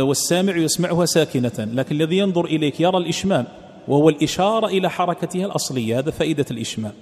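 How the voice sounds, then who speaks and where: A man giving a lesson, explaining step by step, repeating key phrases and slowing down to recite examples. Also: a little high, a little mellow. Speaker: teacher. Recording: long reverb, echoey room.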